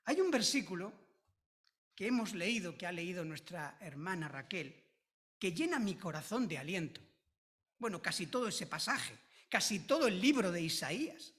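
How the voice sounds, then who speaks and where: A woman from preaching a sermon, slow and emphatic, repeating key phrases with drawn-out stress. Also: on the low side, sing-song, fairly bright tone.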